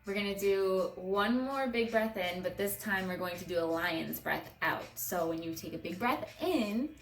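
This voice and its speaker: A woman's voice: medium pitch, moderate pace, faint music behind. A woman teaching a guided yoga class for children at home, talking in a friendly, encouraging way. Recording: echoey room, mic at a distance.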